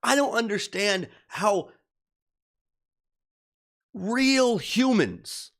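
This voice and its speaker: A man's voice: high-pitched, expressive, extremely slow, fairly bright tone. A man hosting a livestream, venting in a heated, profane rant with repeated emphasis. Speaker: livestream host. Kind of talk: angry political rant.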